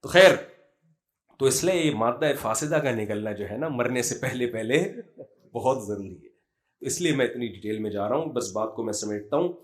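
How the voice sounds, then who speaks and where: An animated, medium-pitched middle-aged man preaches Islam in a religious talk. His manner is conversational, built around humorous storytelling.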